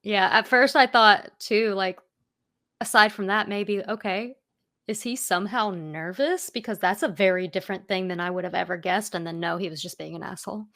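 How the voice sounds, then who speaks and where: A woman's voice: medium pitch, normal speed, a bit bright. Laughing casual woman podcast co-host. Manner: casual, laughs often, acts out quoted lines. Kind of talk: casual chat.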